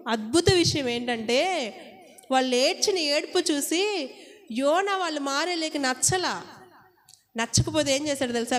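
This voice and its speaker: A woman's voice: high-pitched, a bit bright. A woman preacher delivering an impassioned sermon, firing rhetorical questions at her congregation. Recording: long hall reverb.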